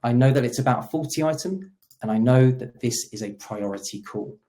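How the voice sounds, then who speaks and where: Fairly quick and dark-toned, a man's medium-pitched voice leads a webinar product demo. He's the host and a solution engineer, explaining features and stressing how his sentences begin.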